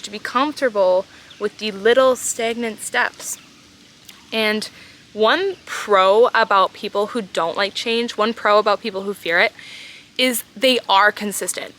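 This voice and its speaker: A woman talks solo as a podcast host while sitting outdoors in a pool. Her voice is bright and forceful at an average pitch. She speaks informally and earnestly, leaning on key words in a casual motivational style.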